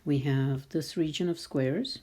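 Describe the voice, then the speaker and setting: A woman's voice: sits low, warm tone. A woman math teacher talking patiently through a screen-recorded lesson, thinking aloud as she draws. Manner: slow, patient, thinking aloud while drawing.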